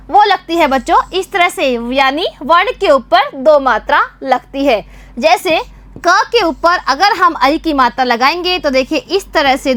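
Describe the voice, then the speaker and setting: A woman teaching a children's Hindi lesson with a Rajasthani Hindi accent, patient and slow, quizzing the class with repeated questions. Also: high voice, fairly bright tone, no echo. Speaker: primary school teacher.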